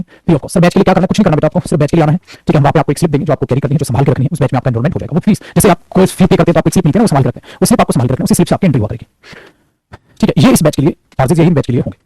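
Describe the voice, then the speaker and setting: Fast-talking man teaching a live class. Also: on the high side, warm tone, husky, no echo. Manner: chatty, scolding, joking with students. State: sore neck. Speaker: online coaching teacher. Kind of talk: casual live class talk.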